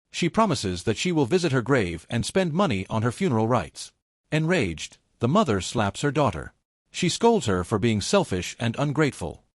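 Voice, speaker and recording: A man giving scripted narration of a comic story recap in a steady storytelling delivery. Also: medium pitch, dry recording, clean studio sound.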